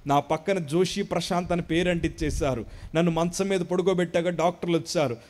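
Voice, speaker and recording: Man, fairly high voice, impassioned testimony at a live worship service on a handheld mic, from Andhra Pradesh. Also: fairly even intonation, fairly quick. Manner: impassioned, swings between hushed and loud. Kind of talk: emotional spoken testimony. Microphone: handheld microphone.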